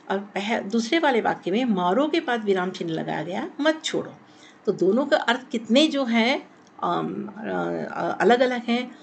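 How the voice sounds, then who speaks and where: A woman's voice: fairly high pitch, slight background noise. A woman teacher giving a recorded Hindi lesson, explaining step by step, repeating words and asking rhetorical questions. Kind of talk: classroom lesson on punctuation.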